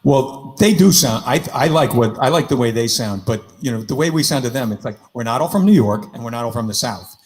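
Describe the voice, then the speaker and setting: A man, a guest musician, chatting casually between songs and swearing freely in quick bursts. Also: medium pitch, expressive, darkish tone. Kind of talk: singing with guitar and casual chat.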